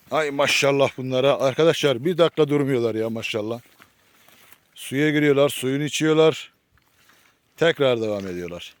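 A man with an average-pitched voice films his dogs outdoors, handheld. He talks casually to his viewers and keeps breaking off to dote on the animals with pet names. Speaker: vlogger filming his dogs on a nature walk. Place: outdoors in nature.

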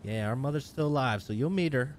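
A man's voice: mid-range voice, a little fast, slight background noise. A man hosting a live game stream, chatting casually, reading out viewer messages and laughing often. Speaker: streamer and host. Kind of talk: live stream chat and roleplay commentary.

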